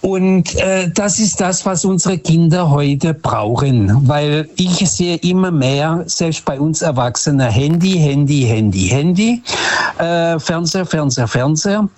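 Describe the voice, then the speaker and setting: Man, reflective and fairly high. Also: animated, unhurried, darkish tone. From Portugal. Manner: earnest, reflective, with frequent hesitations. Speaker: interviewee. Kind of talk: casual storytelling conversation.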